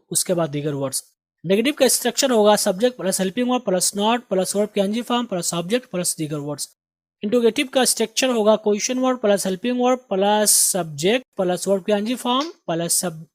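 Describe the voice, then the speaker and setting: A man teaching English as a host of an online lesson, with an Indian Urdu accent, drilling vocabulary by repeating each word slowly. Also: sits high, no echo. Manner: drills words with slow repeated pronunciation. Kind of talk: recorded lesson.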